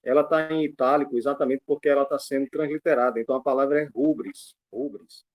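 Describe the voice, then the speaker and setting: A man's voice: medium pitch, fairly even intonation, racing. A man who is a pastor, explaining Greek word meanings to a church book club over a video call in a teaching tone. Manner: explanatory, teaching tone with frequent fillers.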